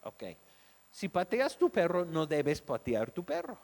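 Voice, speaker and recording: A man's voice: sits high, huge pitch swings, a little slow, gravelly, darkish tone, long reverb tail. A man preaching a sermon as a pastor, telling his own story, asking rhetorical questions and acting out the voices of doubters.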